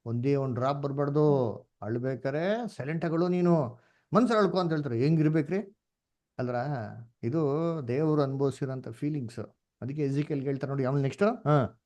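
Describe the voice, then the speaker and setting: A man with a Kannada accent leads an online Bible study, his pitch in the middle range. He talks animatedly, keeps asking questions, and mixes English words into his explanations. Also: a little mellow. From India. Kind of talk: interactive Bible class in Kannada. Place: online class.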